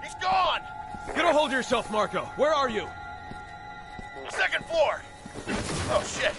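Tense soldiers in a video game bark clipped orders and shout urgent warnings. Their voices run high and swing widely, with a gravelly edge. Loud game music plays right under them. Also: male voice, very animated, unhurried, exaggerated voice. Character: tense male soldiers in a hunt.

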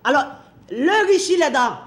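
A woman's voice: high-pitched, very animated, unhurried, reverberant. A woman teaching from the Bible in a sermon, repeating key phrases and asking and answering her own questions.

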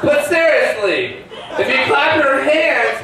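A man's voice: extremely high pitch, expressive, slow pace, crowd noise. A man hosting a cafe open mic night, introducing comedians with jokey, teasing lines. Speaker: guest host. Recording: echoey room, distant mic, noise.

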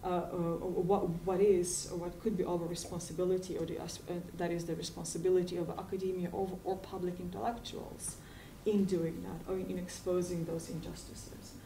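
A woman in her forties speaks on a panel in a low, mellow voice, halting often with ums and restarts. She is picked up from across a university seminar room, so the sound is roomy and distant, with faint ambience behind. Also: little pitch movement, a little hiss or hum. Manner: hesitant, many fillers and restarts. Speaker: academic panelist. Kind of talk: academic panel response. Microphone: far room mic. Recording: echoey room from far off.

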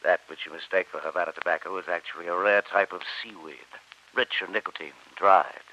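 A man playing a commanding, cultured and coolly menacing submarine captain in old-time radio style, formal and measured. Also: low-pitched, bright, forceful tone. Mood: courteous, commanding. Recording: muffled, hissy old radio recording.

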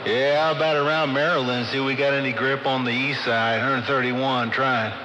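A man's voice: mid-range voice, fairly even intonation, normal speed. A man chatting over CB radio in trucker slang, making call-outs and repeating his phrases. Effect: CB radio transmission. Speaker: CB radio operator. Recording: very noisy, echoing CB radio reception.

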